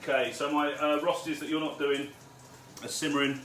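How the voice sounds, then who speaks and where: A man's voice: a little high, little pitch movement, moderate pace. Man, live cooking stream, swearing banter, echoey kitchen, noisy background. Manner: chatty, swears, banters with viewers. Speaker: home cooking host. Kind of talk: live cook-along stream. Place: home kitchen. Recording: roomy kitchen with background noise.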